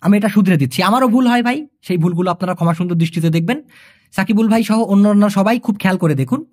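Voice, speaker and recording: A woman from Bangladesh, teaching a language lesson and patiently answering viewer questions, repeating words slowly to drill them. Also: medium pitch, darkish tone, husky.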